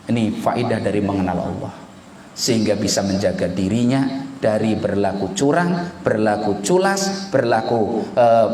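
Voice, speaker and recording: A male Islamic teacher telling a story as a lesson, with an animated voice that rises and falls widely. He poses rhetorical questions and answers them himself. The room is echoey, with faint noise underneath. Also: mid-range voice.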